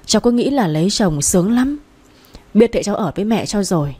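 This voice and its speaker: A woman voicing a timid young pregnant wife who speaks softly and coaxingly. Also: mid-range voice, animated, fairly quick, husky. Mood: pleading. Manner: soft, coaxing.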